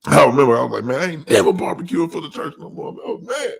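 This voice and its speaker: A man hosting a casual talk show, telling animated stories in an easygoing chat. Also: fairly high pitch, creaky, slightly rough. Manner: animated storytelling, drawn-out complaints. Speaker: podcast host.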